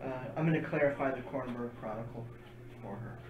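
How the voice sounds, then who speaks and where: A man's voice: mid-range voice, brisk, highs cut off, noisy background. A man chatting casually as a player in a tabletop role-playing game, describing what his character does. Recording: roomy, distant mic with music behind.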